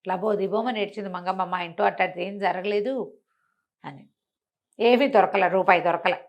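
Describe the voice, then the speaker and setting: A woman with a medium-pitched voice narrates a bedtime story at normal speed, chatty and expressive. Rhetorical questions and acted-out cries from villagers fill the tale, and the recording has a lo-fi sound.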